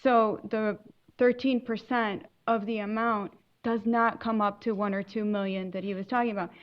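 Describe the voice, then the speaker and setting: A woman from Lebanon speaking on a legal panel, earnest and emphatic, pausing and correcting herself as she explains. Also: a little high, dull audio. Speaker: immigration attorney on a panel. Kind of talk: panel talk to an audience.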